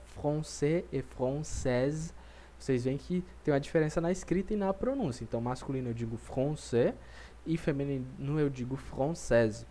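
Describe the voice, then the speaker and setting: A man teaching an online French lesson, lively and drilling words slowly for his students to repeat. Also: medium pitch.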